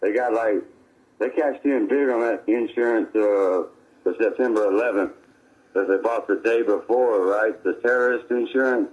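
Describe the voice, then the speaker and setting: A man's voice: fairly low pitch, normal speed, a little mellow, highs cut off. A man calling in to a radio show, heard over the radio, talking casually in a rambling, insistent way. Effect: voice of a caller over the radio. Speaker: call-in listener. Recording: radio phone-in call.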